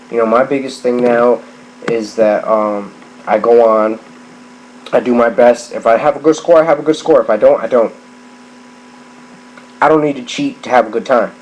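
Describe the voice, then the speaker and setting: A drunk middle-aged man rambles through a casual rant in a somewhat low voice. He halts, repeats himself and circles back on phrases. There is some ambient noise behind him. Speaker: gaming vlogger. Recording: clearly noisy background ambience.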